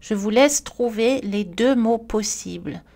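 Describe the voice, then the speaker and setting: A woman reading a scripted French pronunciation lesson, speaking carefully and clearly and slowing down for example words. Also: fairly high pitch, warm tone. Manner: careful, clearly articulated delivery with slow model words.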